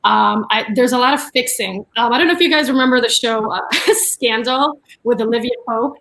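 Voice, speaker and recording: A woman's voice: fairly high pitch, fairly quick, low-quality recording. A middle-aged woman from the Dominican Republic, raised in New York, chatting as a guest about her art career with lots of fillers. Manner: chatty, animated storytelling with fillers. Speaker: guest, art dealer and curator. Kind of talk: casual chat.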